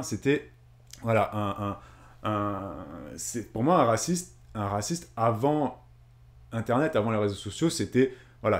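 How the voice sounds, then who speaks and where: A man from Réunion hosts a casual live stream, reading his chat's comments and replying in an earnest, musing way. He thinks aloud in long, winding sentences at a middling pitch for a man. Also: darkish tone. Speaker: streamer and co-host.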